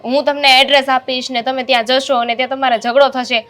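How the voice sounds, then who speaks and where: A polite young neighbour, played by a woman in a homemade family drama, with a high voice. She hesitates, says "uh" a lot, and reasons patiently. Faint music runs behind her. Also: level tone, quick pace, fairly bright tone. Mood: reasoning. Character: young woman neighbour, friend of the daughter-in-law. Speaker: neighbour character. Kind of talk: amateur family drama acting.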